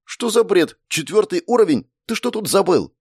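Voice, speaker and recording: A man voicing a brisk, mocking young woman who is a player in a game world, in an audiobook. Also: sits high, sing-song, breathy edge, dry recording, studio quality, pitched above the performer's own voice, exaggerated voice. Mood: teasing, brisk. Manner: snappy, teasing, exclamatory.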